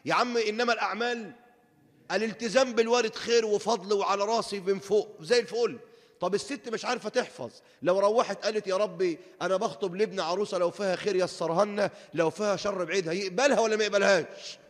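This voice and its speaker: An Egyptian preacher rattles along at high speed with a somewhat high voice. He acts out each speaker in his stories and keeps asking the congregation questions. The long reverb of a mosque hall trails after his words. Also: fast talker. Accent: Egyptian Arabic. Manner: lively storytelling, asks the congregation questions. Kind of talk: mosque lesson.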